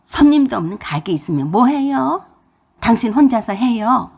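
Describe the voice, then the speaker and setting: A woman voicing a stubborn older mother-in-law who nags loudly and shrilly. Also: very animated, moderate pace, vocal fry, slightly rough, heavily acted. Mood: defiant. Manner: loud, shrill nagging.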